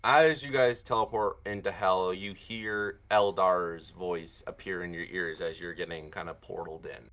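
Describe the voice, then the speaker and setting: A man's voice: low-pitched, fairly even intonation, normal speed, few pauses, fairly bright tone. A man working as game master, improvising narration for a tabletop game.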